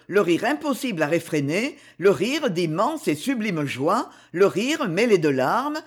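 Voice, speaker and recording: A man narrating a novel as an audiobook in an expressive, dramatic reading. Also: high voice, slightly rough.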